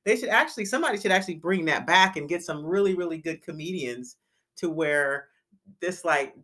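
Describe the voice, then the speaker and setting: A woman's voice: fairly low pitch, animated, fairly quick, fairly bright tone. A woman hosting a casual chat, talking in a chatty way with frequent restarts. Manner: chatty, repeats and restarts words. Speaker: host.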